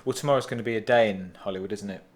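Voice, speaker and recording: A man's voice: lowish voice, very fast. A man hosting a travel vlog, chatting casually at night in a room with a dry, teasing humor. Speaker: vlogger host. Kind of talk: casual chat.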